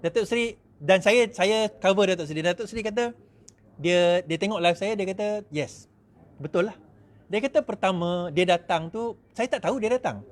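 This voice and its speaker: A middle-aged man with a Malaysian accent, giving an animated speech to supporters, mimicking others in quick asides and laughing often. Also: high voice. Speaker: politician speaking to supporters.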